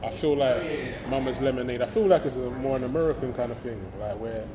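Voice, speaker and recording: A man's voice: mid-range voice, a little fast, over a noisy crowd. A man hosting a show, interviewing a guest outdoors on a city street, enthusiastic and full of affirming fillers. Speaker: show host.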